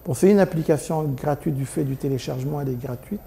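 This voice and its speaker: A man's voice: a little high, fast talker, creaky, mellow, a little hiss or hum. A man in his forties from Congo, a company director answering interview questions hesitantly, with many ums and restarts. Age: 40s.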